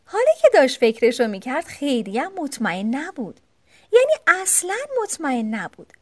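A woman narrating a children's storybook aloud with expressive delivery. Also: high voice.

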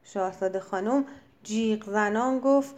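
High-voiced woman reading a children's story. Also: darkish tone, highs cut off. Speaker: narrator. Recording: faint background music.

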